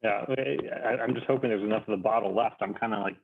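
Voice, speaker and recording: A man telling a casual, self-deprecating story among friends in a halting, wry manner. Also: fairly low pitch, creaky, slight background noise. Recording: thin phone-like call, muffled.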